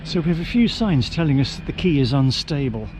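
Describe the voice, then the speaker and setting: A man's voice: fairly high pitch, big pitch swings, fairly quick, heavy background noise. A man giving casual, opinionated vlog commentary in a wry, understated way. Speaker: vlogger presenting a travel film.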